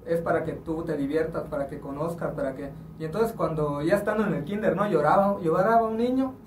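A man's voice: a little high, fairly quick, slight background noise. A man with a Mexican accent, a guest in a casual podcast chat, telling rambling stories in slangy speech. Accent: Mexican Spanish. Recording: echoey room, mic at a distance.

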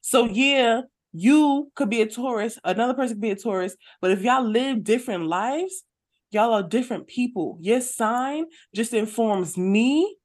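A woman's voice: on the high side, normal speed, a little mellow. A woman. She talks like a podcast co-host chatting with a friend, loose and slangy. She often checks in to see that she is being followed. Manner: slangy, conversational, peppers talk with check-in questions. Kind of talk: casual unscripted podcast banter.

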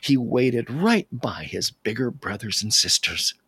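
A man telling an animal tale aloud, expressive and slipping into whispers for suspense. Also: mid-range voice, measured pace, no room sound. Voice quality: husky. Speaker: storyteller. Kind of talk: animated oral storytelling.

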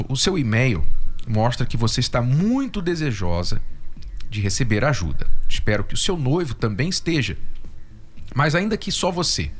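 A man hosting a radio advice show, earnest and direct, repeating key details slowly. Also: mid-range voice.

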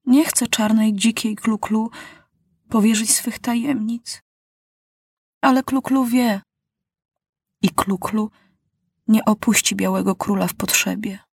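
A woman's voice: fairly high pitch, gravelly, slightly rough, no room sound, studio quality, pitched above the performer's own voice, full character voice. A woman voicing a solemn, loyal young girl who speaks of herself in the third person, in a storybook reading.

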